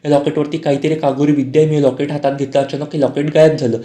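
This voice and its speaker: A man's voice: on the high side, little pitch movement, rapid-fire, dark tone, lightly acted. A man voicing a frightened, scheming woman in a recap, speaking in anxious questions. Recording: roomy echo.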